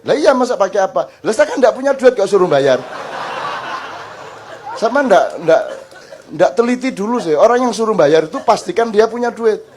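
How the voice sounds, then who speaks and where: High-voiced older man preaching with jokes. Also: normal speed. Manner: animated, joking, mixes in Javanese phrases, acts out dialogues. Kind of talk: lively Islamic study talk before a crowd.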